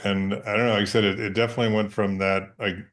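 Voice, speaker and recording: A man's voice: on the low side, level tone, fast talker, a bit bright. A man in his fifties, podcast co-host, chatting casually with wry self-deprecating humor. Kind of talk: casual chat.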